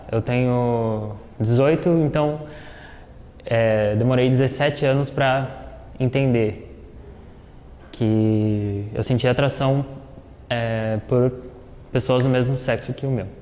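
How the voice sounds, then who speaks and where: An eighteen-year-old man with a Brazilian accent, speaking in a halting way with many pauses. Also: mid-range voice, darkish tone. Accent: Brazilian Portuguese. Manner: halting, pausing often. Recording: room with long reverb.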